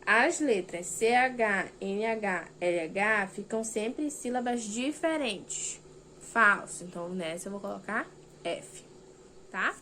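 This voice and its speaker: A woman teaching a primary school class in a recorded lesson, with a Brazilian Portuguese accent. She explains patiently step by step, spells out letters slowly and keeps checking in with the children. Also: medium pitch, fairly bright tone, a little hiss or hum. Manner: reads aloud slowly, spelling out letters and syllables.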